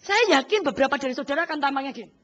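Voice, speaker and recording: Bright, animated woman preaching a sermon. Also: high voice, rapid-fire. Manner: animated, addresses congregation often, acts out voices. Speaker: pastor.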